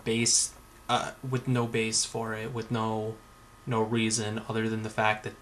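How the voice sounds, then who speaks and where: Sarcastic young man, flat voice. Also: lowish voice, a little slow, a little hiss or hum. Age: young adult. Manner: sarcastic, rambling, lots of fillers and profanity. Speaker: vlogger. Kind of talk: casual storytelling vlog.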